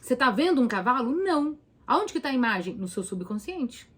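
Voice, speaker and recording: A woman's voice: high-pitched, very animated, a little fast, breathy edge. A woman therapist with a Brazilian Portuguese accent, talking casually and emphatically to viewers and asking them direct questions. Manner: emphatic, speaks straight to the listener with rhetorical questions. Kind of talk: casual talk to viewers about anxiety.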